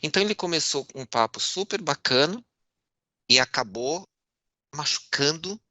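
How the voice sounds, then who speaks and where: A man, moderating a panel and telling his own story in an expressive, earnest way, often restarting his sentences. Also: a little high, moderate pace, no room sound. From Brazil, São Paulo. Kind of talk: personal storytelling in a panel talk.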